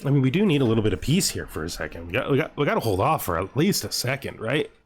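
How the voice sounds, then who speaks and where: A little hiss or hum sits under this man's quick, sing-song delivery at medium pitch. He's a gameplay host offering casual commentary, pondering his choices out loud and posing questions to himself.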